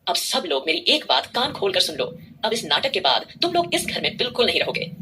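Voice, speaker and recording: A woman's voice: medium pitch, big pitch swings, brisk, background noise, close to an everyday voice. A woman voicing an arrogant, cruel young billionaire man who sneers with contempt. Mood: contemptuous.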